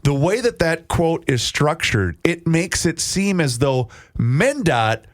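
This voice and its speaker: A man's voice: on the high side, very animated, slow. A man co-hosting a talk radio show, chatty and incredulous, often stammering as he starts a thought. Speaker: radio co-host. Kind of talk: casual talk radio banter.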